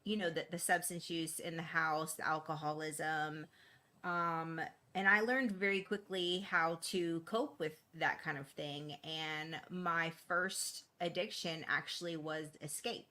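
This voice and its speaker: A woman's voice: deep voice, steady tone, measured pace, bright, forceful tone. Chatty woman telling her story candidly. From East Boston, Massachusetts. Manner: candid and chatty, frequent fillers and laughs. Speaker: guest. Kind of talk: casual interview.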